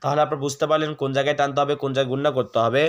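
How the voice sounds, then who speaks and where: A man teaching Quran recitation, spelling out words letter by letter and then chanting them slowly and drawn out. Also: medium pitch, level tone.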